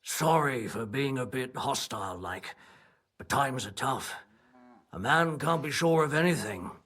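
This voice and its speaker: A male actor playing a wary, gruff medieval stableman in a video game, grudgingly helpful, with blunt, folksy rustic phrasing. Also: mid-range voice, lively intonation, a little slow, a bit bright. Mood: wary, softening.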